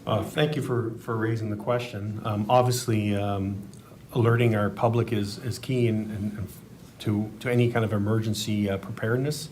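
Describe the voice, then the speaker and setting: In an echoey room, a low-pitched man answers as an emergency official at a briefing. He sounds set back from the microphone. His delivery is formal and measured, with a halting flow. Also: little pitch movement, darkish tone, recorded from a distance, slight background noise. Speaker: government emergency management official.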